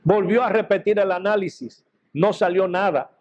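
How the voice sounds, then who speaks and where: A man's voice: sits high, normal speed, a little mellow, lo-fi sound. A male pastor giving a fervent testimony sermon, telling his story with quoted dialogue.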